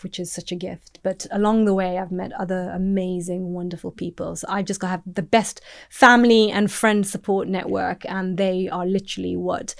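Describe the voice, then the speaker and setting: An expressive woman from Zambia chats in an interview, her voice sitting at a middle pitch. She talks about her work as a nutritionist with lively enthusiasm and laughs easily. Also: gravelly. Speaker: nutritionist guest. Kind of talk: casual interview chat.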